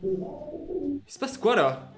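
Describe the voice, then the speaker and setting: A young man chatting on a live cooking stream, excitable and jokey, reading his chat aloud and often stepping away from his desk mic. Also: very high-pitched, extremely slow. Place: home kitchen. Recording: faint music behind.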